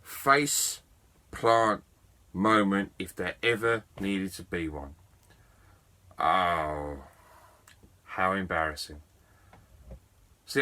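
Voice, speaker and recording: Chatty man with a bright voice. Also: on the low side, expressive, slow pace, pauses often. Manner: chatty and enthusiastic, self-mocking. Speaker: video game collector vlogger. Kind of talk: casual storytelling to camera.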